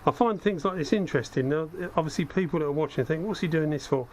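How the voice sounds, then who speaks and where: A man's slightly high, cold-affected, croaky voice comes through fast as he casually demonstrates spray gun equipment as a hobbyist host. He thinks aloud while working and tosses in self-deprecating, conversational comments. Steady workspace background noise is picked up by his head-mounted action camera.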